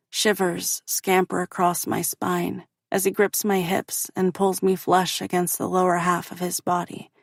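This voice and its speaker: Slow, creaky woman narrator. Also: fairly low pitch, no echo, studio quality. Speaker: audiobook narrator. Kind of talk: scripted first-person romance narration.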